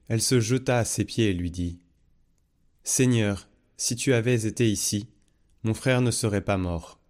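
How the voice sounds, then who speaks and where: A man reading a Gospel passage aloud in a measured, even way. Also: fairly low pitch. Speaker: Bible reader. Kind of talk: scripted Bible reading.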